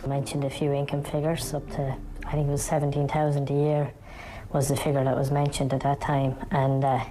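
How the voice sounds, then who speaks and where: An Irish man in an interview whose voice has been disguised by lowering its pitch. He answers haltingly, with many fillers and restarts. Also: completely flat delivery, mellow, slight background noise, rough recording. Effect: voice disguised, pitched down very low. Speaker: anonymous farmer interviewee.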